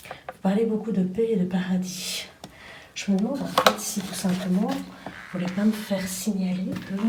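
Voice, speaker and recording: A woman who investigates the paranormal, patiently and politely questioning a presence in the cellar of a derelict house. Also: mid-range voice. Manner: soft, patient, polite questioning with frequent thanks. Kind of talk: spirit-box session, questioning a presence. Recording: echoey cellar, distant mic, noisy background.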